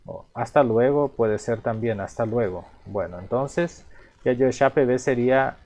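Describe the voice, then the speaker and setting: Guy teaching a language class, super slow and patient, says stuff over and over, middle-pitched voice. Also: a little mellow. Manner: repeats terms patiently, asks himself rhetorical questions. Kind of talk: slow explanatory lesson.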